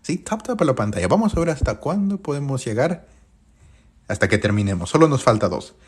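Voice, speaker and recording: Husky male teacher, lively questioning. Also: medium pitch, fairly quick. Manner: questioning, repeats answers back to viewers. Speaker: English teacher. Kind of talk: live-streamed grammar lesson.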